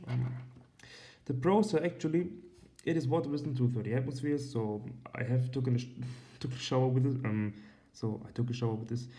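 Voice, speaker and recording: A young man in his twenties with a German accent hosts a casual watch review vlog for his watch and cigar channel. His medium-pitched voice is mellow, and he rambles with lots of ums and some casual swearing. He records on an iPad.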